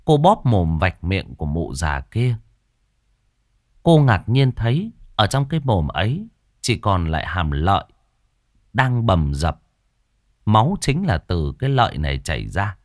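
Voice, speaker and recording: A man's voice: low voice, sing-song, a little slow, pauses often, no room sound, clean studio sound. A man narrating a horror story in a dramatic, suspenseful storytelling voice.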